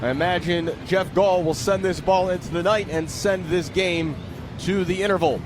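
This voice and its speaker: Here a high-voiced man delivers radio play-by-play of a soccer match live from an open-air stadium, keeping his intonation fairly even and his speed normal. The recording is noisy, with loud stadium ambience all around.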